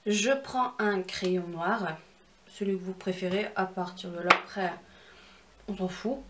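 A woman's voice: medium pitch, a little slow, heavy background noise. A young woman walking viewers through a makeup tutorial in a chatty, instructive way, with self-deprecating asides. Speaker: beauty vlogger.

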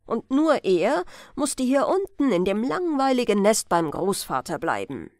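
A woman reading a bedtime storybook aloud in a slow, gentle storytelling manner on a close mic. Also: on the high side, big pitch swings, dry recording. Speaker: audiobook reader.

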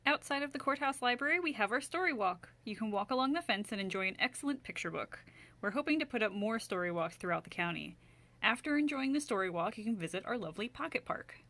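Reading to an audience as a children's librarian, this American woman in her thirties enunciates clearly and leans into expressive delivery and dramatic pauses. Her pitch is on the high side, and she's in an indoor library room.

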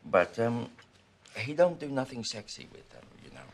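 An actor playing a middle-aged man who hunts a creature, speaking with a halting French Canadian accent and many pauses. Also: mid-range voice, huge pitch swings, gravelly. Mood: rambling. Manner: halting, full of uhs. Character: gruff middle-aged male hunter of a creature. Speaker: film character, investigator.

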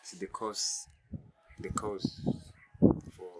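A man's voice: very slow, crowd noise. A man with a Kenyan accent hosting a casual conversation, prompting questions and echoing his guest's words. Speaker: host.

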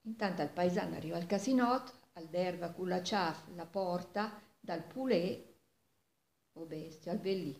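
A woman's voice: on the low side, normal speed, gravelly, a little mellow. A woman in her seventies with a Milanese accent tells an old folk tale like a storyteller at home. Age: 70s. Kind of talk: oral folk tale told in Milanese dialect. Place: living room at home, indoors. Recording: echoey room, distant microphone.

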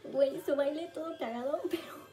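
A young woman gushes excitedly as she reacts to a music video, sometimes speaking in a hush. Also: high-pitched, moderate pace. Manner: gushing, exclamatory, hushed at times.

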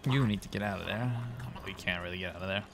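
Man, gameplay commentator, gravelly voice, slightly low pitch, rambling, self-correcting. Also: fast, background noise. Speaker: gaming commentator.

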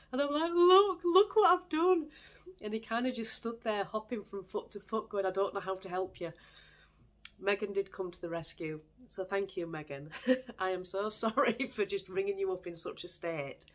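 Woman, podcast host, casual self-mocking chat at home. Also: low voice. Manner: chatty, self-deprecating storytelling.

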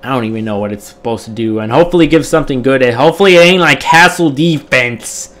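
A man's voice: medium pitch, very fast, a bit bright, a little hiss or hum. Tired rambling young man gaming vlogger. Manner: rambling, repetitive, with many fillers. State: tired, throat recovering from strain. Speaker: gaming channel host. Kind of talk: casual chat to viewers.

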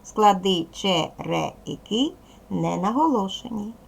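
A woman teaching a video language lesson to young children, patient and slow, asking questions and waiting for answers. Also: medium pitch, animated, gravelly. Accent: Ukrainian. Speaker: primary school teacher.

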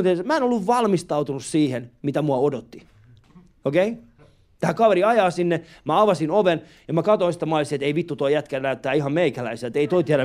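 A man performing a stand-up comedy set live in a club, telling a story in an animated way, acting out other people and swearing often. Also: a little high. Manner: animated storytelling, acts out taxi drivers; frequent swearing and filler words. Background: audience laughter.

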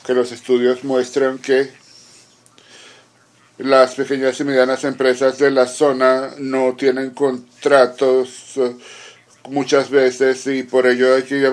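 Formal simultaneous interpretation from a male conference interpreter, delivered in short, measured phrases with halting pauses. His voice is mid-range.

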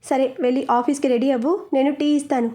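A fussing, affectionate young best friend who scolds and soothes in the same breath, voiced by a woman storyteller. Her lines sit even higher than the narration and leap up when she worries. The tone stays mellow underneath. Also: a little fast, natural voice. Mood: cheerful.

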